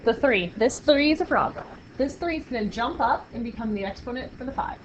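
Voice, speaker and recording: A woman with a fairly high, expressive voice teaches math at a brisk pace, keeping things upbeat and playful and encouraging her students. It's a classroom lecture recorded with muffled sound and faint noise.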